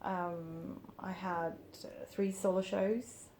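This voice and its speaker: A woman in her forties, raised in Sweden, giving thoughtful, hesitant interview answers as an artist, with many pauses and ums. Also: lowish voice, little pitch movement, warm tone, a little hiss or hum. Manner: thoughtful, hesitant, with frequent ums and light laughs.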